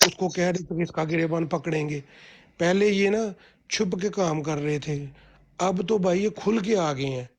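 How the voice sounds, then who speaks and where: A man's voice: high voice, a little hiss or hum. A man in rambling, heated political commentary on a group call, full of restarts and fillers.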